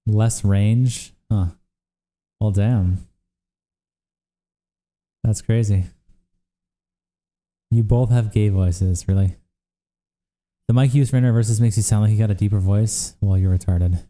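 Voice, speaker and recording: A young man with a fairly low, mellow voice and fairly even intonation reads viewer comments on his livestream. Worn out from days of streaming, he stays casual and profane, answering chat with quick asides.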